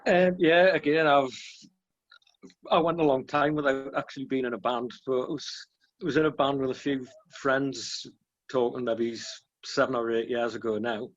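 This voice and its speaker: A man's voice: medium pitch, steady tone, moderate pace, no room sound. Male band member; modest, repetitive way of talking; dry, muffled recording. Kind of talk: casual interview chat.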